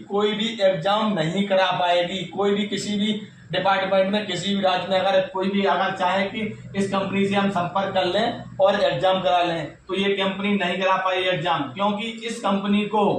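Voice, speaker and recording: This exam news YouTuber has a high voice with little pitch movement and talks at normal speed with few pauses. He has a North Indian accent and gives students a casual explanatory update, repeating points and addressing them directly, in a very echoey room with a distant mic and faint noise.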